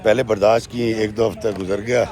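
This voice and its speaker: A man voicing a meek, mistreated young wife who speaks softly and pleadingly. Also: fairly low pitch, steady tone, a crowd in the background, lightly acted. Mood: sad.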